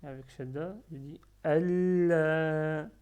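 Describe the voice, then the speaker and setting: A male teacher takes his time, pausing between each syllable and repeating them so learners can follow along. His voice is on the higher side for a man, but it sounds mellow and has a gravelly fry. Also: steady tone. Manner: patient, drills syllables slowly and repeats them. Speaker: Arabic reading teacher. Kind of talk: slow step-by-step lesson.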